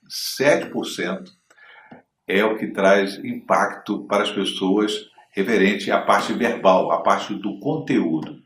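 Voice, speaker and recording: A man with a lowish, fairly bright voice gives a direct-to-camera lesson on communication, recorded with roomy sound and a little hiss or hum. His style is didactic, and he checks in with listeners through frequent short questions.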